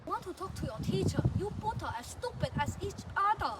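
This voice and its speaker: An actor performs a scolding, sarcastic dad in a comedy skit, pitched extremely high with very lively swings. The insults come bluntly. The sound is distant and buried in heavy noise. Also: a little fast. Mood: scornful. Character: angry, insulting strict dad berating his young son. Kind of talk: comedy skit role-play. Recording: distant mic, loud noise.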